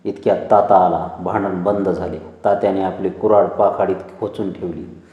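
A man narrating a story in a steady, measured reading, in a dull, echoey recording. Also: sits low.

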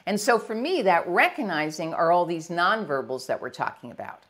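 A woman's voice: fairly low pitch, normal speed. A middle-aged American woman, a leadership coach, speaking energetically in a conversational podcast interview. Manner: energetic, acts out examples in varied voices.

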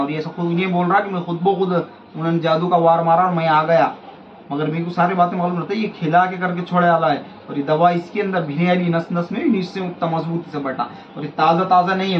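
In an echoey, lo-fi room with faint ambience and a little hiss or hum, a middle-aged faith healer preacher exhorts his listeners. His voice is a little high, and he repeats phrases for emphasis.

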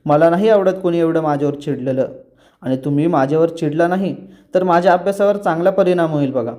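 A man's voice: on the high side, fairly quick, dark tone, lightly acted. A man voicing a playful, stubborn young woman student while retelling a TV serial scene, in a teasing, pleading way.

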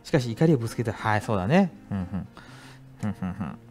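A young man commentating a horror game, reading the text aloud and reacting with frequent high, loud panicked yelps. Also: sing-song, fast, soft background music. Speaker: virtual YouTuber streamer. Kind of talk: game let's play commentary.

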